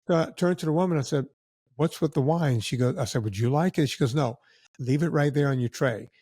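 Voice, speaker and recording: A man guest on a podcast, telling casual stories in an animated way and acting out what other people said. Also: on the high side, fairly quick, husky, no room sound, clean studio sound. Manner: animated anecdotes with acted-out quotes of other people. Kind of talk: casual storytelling.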